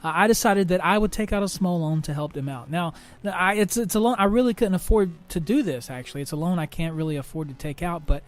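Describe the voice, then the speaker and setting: Halting young man venting on a podcast. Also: sits high. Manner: halting, many restarts and fillers, swears freely. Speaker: podcast host. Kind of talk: personal monologue.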